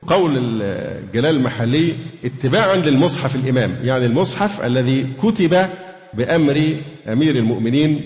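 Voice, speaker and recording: A man with an Egyptian Arabic accent teaches a Quran lesson, explaining slowly and stopping to quiz his students. He chants verses melodically now and then. The recording is dull and lo-fi, with the long echo of a large hall. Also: mid-range voice, expressive, darkish tone. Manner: slow deliberate explanation, quizzing students, recites verses melodically. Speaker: sheikh teaching Quran exegesis. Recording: dull, echoey lecture hall.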